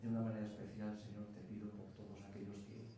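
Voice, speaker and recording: A man's voice: lowish voice, flat delivery, fast. A man leading an earnest, reverent spoken prayer as a pastor before a congregation. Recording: distant mic with echo and room noise.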